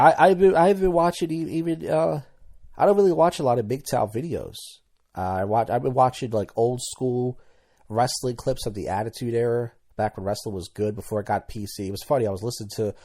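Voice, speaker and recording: Thirtysomething guy rambling solo on his podcast, soft dark tone, keeps repeating himself. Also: lowish voice. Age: 30s. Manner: rambling, candid, stumbles and repeats words. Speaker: podcast host. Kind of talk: casual solo monologue.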